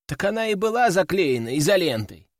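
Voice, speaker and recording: A man's voice: sits high, very animated, fairly quick, dry recording, clean studio sound, voice pushed up. Man doing a panicky lab technician. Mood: defensive. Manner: panicky, whining. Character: flustered nervous lab technician.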